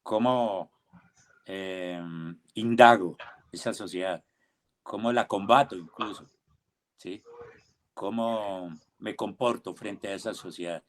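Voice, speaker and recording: An older man, an invited theatre director speaking on a video call in a reflective, deliberate way, full of pauses, fillers and emphatic rhetorical questions. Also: fairly low pitch. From Colombia. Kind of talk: reflective panel talk. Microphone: computer or headset mic on a video call.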